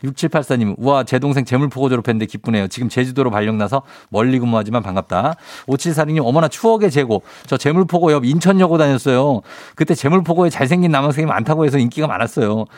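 A man's voice: medium pitch, fast, hardly any pauses, a little mellow, dry recording, clean studio sound. A man hosting a live radio phone-in quiz, bantering informally and teasingly and often repeating himself. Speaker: radio quiz show host. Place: radio studio. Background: faint music.

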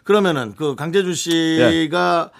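A man's voice: on the high side, measured pace, gravelly. A man hosting a radio show in a studio, chatting casually with a guest in a playful, teasing way and laughing often.

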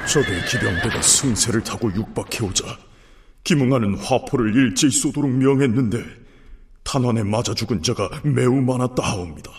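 A man's voice: mid-range voice, moderate pace, lightly acted. An actor playing a solemn, deferential official in a historical drama, formally reporting to his king in archaic speech.

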